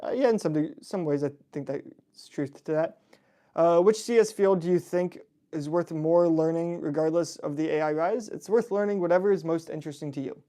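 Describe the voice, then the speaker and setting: A man's voice: on the high side, moderate pace, mellow. A young man hosting a casual livestream Q&A, reading out viewer questions and answering them in a chatty, laid-back way with frequent fillers and laughs. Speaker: host answering viewer chat.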